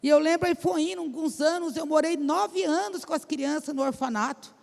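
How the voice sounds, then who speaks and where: A woman's voice: high voice, fairly quick, vocal fry, darkish tone. A Brazilian woman missionary giving an emotional sermon with personal testimony in a church, often calling out to the congregation. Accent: Brazilian Portuguese. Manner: emotional, repeatedly calls out to the congregation. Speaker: missionary preacher. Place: church sanctuary. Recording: church hall with long reverb.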